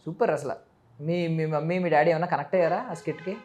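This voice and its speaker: A woman hosting a casual chat interview with a young guest. Her voice sits low for a woman, and she fires off her questions rapidly. She teases him playfully and slips English words into her talk. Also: steady tone, a little mellow, muffled recording.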